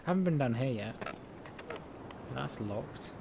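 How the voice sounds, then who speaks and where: Over loud game music and heavy background noise, a man casually streams a puzzle game, rambling as he plays. His mid-range voice is animated and measured, with vocal fry, and he keeps breaking off sentences to start over.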